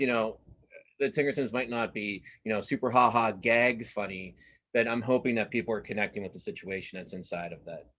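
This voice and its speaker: Interviewed as a cartoonist, a middle-aged man speaks casually and earnestly, often halting, interrupting himself, and starting over. His voice is fairly low and fairly bright.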